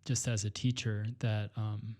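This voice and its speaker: A man's voice: lowish voice, level tone, unhurried, warm tone. Thoughtful hesitant man from Illinois. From northwestern Illinois, US. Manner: thoughtful, hesitant, many fillers and restarts. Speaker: guest poet and teacher. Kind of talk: reflective conversation.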